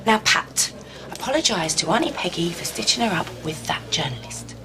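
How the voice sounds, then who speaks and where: A woman's voice: on the low side, big pitch swings, moderate pace, music in the background. An actress playing an exasperated young woman who scolds two older women. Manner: bossy and exasperated.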